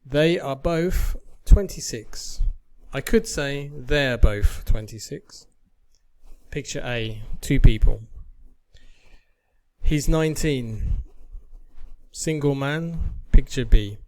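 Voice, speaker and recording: Slow, deliberate male English teacher. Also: mid-range voice, lively intonation. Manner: deliberate, measured reading of drill sentences. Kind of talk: slow, careful lesson reading.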